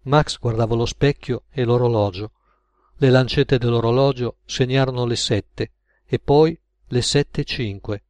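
A man narrating an audiobook in a measured, even manner. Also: medium pitch, dry recording. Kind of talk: audiobook reading.

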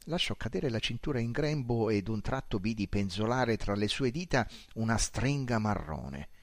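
A man reading a story aloud in the first person, with calm, measured narration. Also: fairly low pitch, no echo. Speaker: audiobook narrator.

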